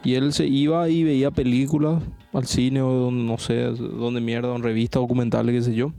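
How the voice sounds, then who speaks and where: A man's voice: medium pitch, level tone, moderate pace, creaky, dark tone, faint music behind. A man, co-hosting a casual podcast among friends and rambling through stories with casual swearing. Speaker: podcast co-host. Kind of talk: casual chat between friends.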